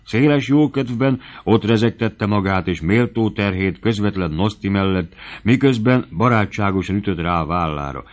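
A man with a low, deep voice reads a classic novel as an audiobook. He narrates at an even storyteller's pace, lifting his pitch sharply when he voices characters and sinking to a soft, hushed murmur for intimate dialogue. The reading stays clear and focused.

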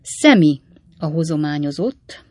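A woman voicing a blunt elderly male coachman who talks sharply and loudly. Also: deep voice, lively intonation.

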